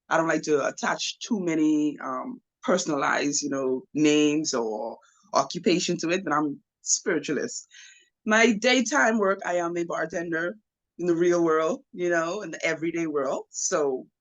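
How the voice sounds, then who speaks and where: A young woman from the Bahamas, a spiritualist guest, telling her story in a casual interview with fillers and lively asides. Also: low-pitched, unhurried.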